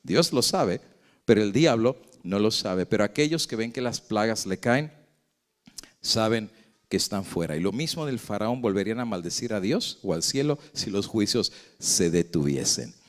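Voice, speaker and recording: A male pastor preaching a sermon, asking rhetorical questions, swinging between loud emphatic passages and low, hushed intensity, and slipping English words into his Spanish. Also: animated, moderate pace.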